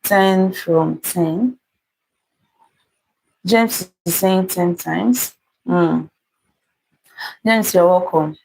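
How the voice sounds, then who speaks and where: Speaking low with vocal fry and a slightly mellow tone, a Nigerian-accented woman hosts an interactive math puzzle stream on a low-quality recording. Unhurried, she reads viewers' comments and greets and thanks them by name over and over.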